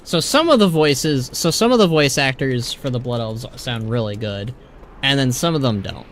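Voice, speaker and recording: A man's voice: mid-range voice, animated, normal speed, a bit bright, a little hiss or hum. A man hosting a game livestream, chatting casually and commenting as he plays. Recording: faint music behind.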